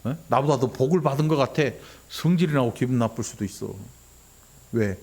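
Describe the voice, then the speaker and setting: Middle-aged male pastor, conversational sermon delivery, checks in with the congregation, acts out quoted lines with big pitch jumps. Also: a little fast, darkish tone, husky. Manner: conversational preaching, constantly asking the congregation "응?". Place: church sanctuary.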